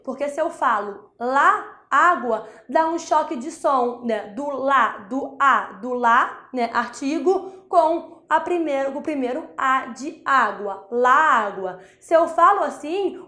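A woman's voice: high voice, a bit bright, reverberant. A Brazilian woman, a native Portuguese speaker, teaching a Spanish lesson for exam prep; she asks herself questions and answers them, with a frequent "né".

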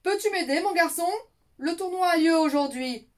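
A woman's voice: very high voice, normal speed, pitched above the performer's own voice. A woman voicing a busy, friendly father who politely asks his son for help, in a storybook reading. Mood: pleading.

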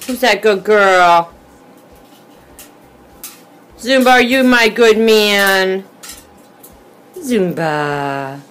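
A woman's voice: mid-range voice, drawn-out words, long pauses, a bit bright. A woman vlogging at home on a phone camera, chatting to her pet birds in sing-song baby talk. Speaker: pet bird owner vlogging. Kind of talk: casual vlog talking to pet birds. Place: home indoors.

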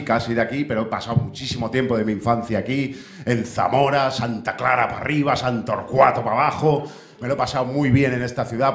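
A man in his thirties with a Spain Spanish accent doing a stand-up comedy monologue on a theater stage, brash and profane, chatting with the crowd. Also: medium pitch. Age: 30s. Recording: echoey theater with faint audience.

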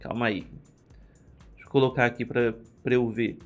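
A man's voice: mid-range voice, fairly even intonation, faint music behind. A man with a Brazilian Portuguese accent commenting live on a reality show, gossipy and exasperated, recapping the cast's arguments and reading chat messages. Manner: gossipy, exasperated, quotes the cast in quick recaps. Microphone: headphones and desk mic.

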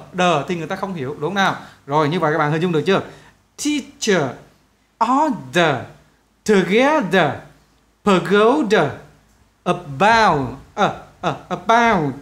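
A male English teacher, giving a pronunciation lesson and saying example words slowly, stretching the vowels. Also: high voice, a bit bright.

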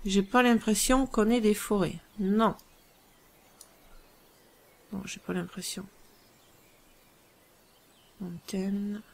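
A woman hosting a let's play, thinking aloud through strategy gameplay in a musing, hesitant way with many pauses. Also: mid-range voice.

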